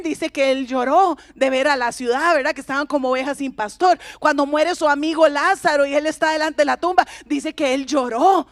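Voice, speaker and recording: A woman pastor in middle age delivers a sermon with a high, light voice. She speaks in a conversational, confiding way and draws her congregation in with personal stories.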